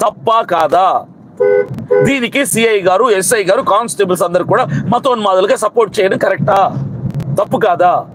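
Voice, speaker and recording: Fiery high-voiced man over traffic noise. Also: normal speed. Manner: fiery, scolding, piles up repeated rhetorical questions. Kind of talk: impassioned protest speech to camera.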